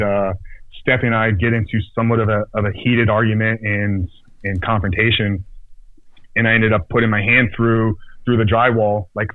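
A man telling a personal story as a podcast guest in a casual, halting way, full of restarts and fillers. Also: on the low side, no room sound. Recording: tinny phone-like dry sound.

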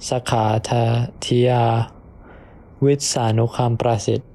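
A teenage boy from Thailand, reciting a long ceremonial city name as a guest, in a rapid, even recitation. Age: teens.

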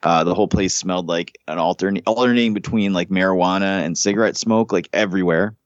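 A man with a very low voice rants through a story in casual podcast chat, swearing freely and getting animated. The recording is dry, with a dull, slightly muffled tone. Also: fast, no echo.

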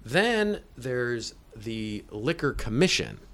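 A man's voice: medium pitch, big pitch swings, slow, a bit bright. Man, mid fifties, guest explaining things, rambling, restarts, casual chat. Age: 50s. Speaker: guest, state agency head.

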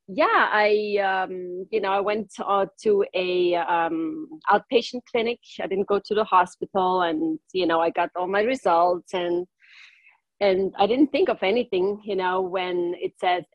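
A woman from northern Italy whose native language is German speaks with a German accent as a guest in a casual interview. Her medium-pitched voice is slow, hesitant, and full of ums, with laughs between lines, and the recording is muffled with no echo.

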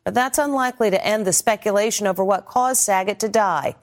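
A woman's voice: medium pitch, brisk, slight background noise. An American woman anchor presenting scripted tabloid TV news with a dramatic, teasing delivery.

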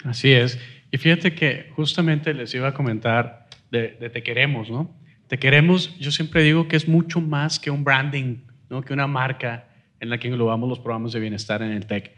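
A man's voice: mid-range voice, steady tone, moderate pace, fairly bright tone. A man hosting a podcast conversation, guiding it toward the close in a friendly way. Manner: friendly, steers the talk toward closing. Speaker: podcast host.

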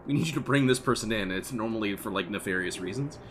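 A man's voice: on the low side, fast talker, fairly bright tone, a little hiss or hum. A man running a tabletop role-playing game as game master, explaining results in a loose, rambling way full of fillers. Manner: rambling, many fillers like "like" and "you know". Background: background music.

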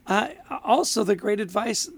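A man co-hosting a podcast in casual chat, enthusiastic and quick to laugh. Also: sits high, vocal fry, slightly rough, dry recording. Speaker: podcast co-host.

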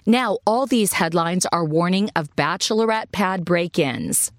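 A woman's voice: on the low side, lively intonation, measured pace, no room sound, clean studio sound. A woman reporter narrating a scripted television news package.

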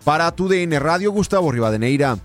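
Higher-voiced man reading a sports radio report. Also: lively intonation, a little fast, soft background music.

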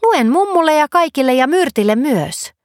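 A woman voicing an excited, curious little girl in a storybook reading. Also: high-pitched, no echo, studio quality, pitched above the performer's own voice. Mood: eager.

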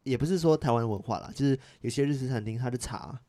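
A man from Malaysia, a podcast guest, who speaks in a flat, matter-of-fact way. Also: mid-range voice, quick pace. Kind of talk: casual chat.

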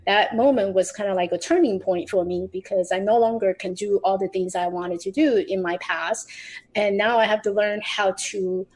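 A woman's voice: mid-range voice, moderate pace, darkish tone, poor audio. A middle-aged woman from Taiwan, a podcast guest, recounting her personal story earnestly, with frequent restarts.

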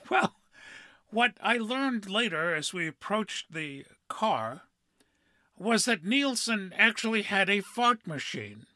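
Middle-aged guy hosting a podcast, slow storyteller with lots of uhs, dry close sound. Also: high-pitched, big pitch swings, bright, forceful tone, dry recording. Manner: measured, with frequent "uh" fillers and pauses. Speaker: podcast host. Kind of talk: storytelling monologue.

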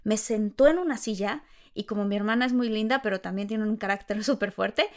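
A woman with a Mexican accent, an actress who tells personal stories in a casual, animated and self-reflective way. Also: medium pitch, fairly quick. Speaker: actress sharing her experience. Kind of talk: casual conversation.

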